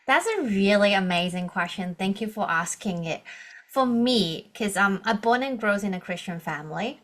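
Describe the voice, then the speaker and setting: A Hong Kong woman in her thirties, a leadership coach whose first language is Cantonese, guests on a podcast via video call and earnestly shares her personal story in Hong Kong-accented English. Her mid-range voice is animated and a bit bright at a normal pace, and she often restarts her sentences.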